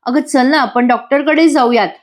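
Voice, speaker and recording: A woman's voice: high-pitched, normal speed, voice pushed up, lightly acted. A woman reading the lines of an evasive young husband in a serial recap, pleading and defensive.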